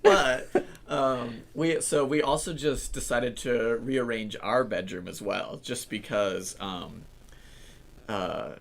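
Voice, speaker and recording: A man's voice: medium pitch, slow, creaky. A man, co-hosting a podcast and telling rambling, self-deprecating stories in casual chat. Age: 30s. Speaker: podcast co-host.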